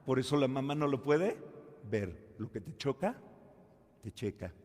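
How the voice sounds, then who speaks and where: A man, a priest giving a homily at mass, telling stories slowly and acting out the people in them. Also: medium pitch, animated, a little mellow. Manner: slow, storytelling, acts out quoted people. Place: church during mass. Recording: reverberant church.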